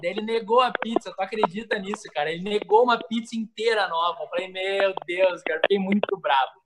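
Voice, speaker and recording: A man with a notably high voice tells animated stories and keeps repeating phrases for punch. The recording carries a clear layer of noise behind him. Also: fast talker. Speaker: guest telling anecdotes. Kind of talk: casual storytelling.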